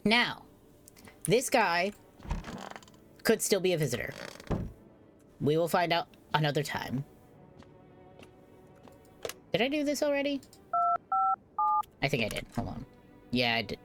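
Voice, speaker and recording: Animated young woman streaming a game. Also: on the low side, slow, long pauses, over music. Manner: animated, swears freely, thinks out loud. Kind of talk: live game commentary. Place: home room.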